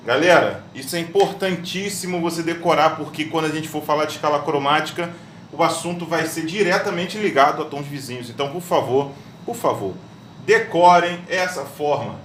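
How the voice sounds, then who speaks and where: A man's voice: on the high side, fairly bright tone, far from the mic. A man teaching a music theory lesson step by step, often checking in with his students. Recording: echoey room, voice off-mic, faint hum.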